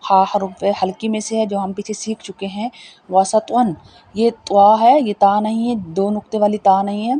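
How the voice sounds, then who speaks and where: A woman teacher walks through Quran letters one by one, in a mellow, darkish voice. She is patient and repeats each rule, explaining where in the throat or mouth each sound is made. A faint hum of noise sits behind her. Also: medium pitch, flat delivery. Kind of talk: Tajweed lesson, spelling out letters and explaining pronunciation.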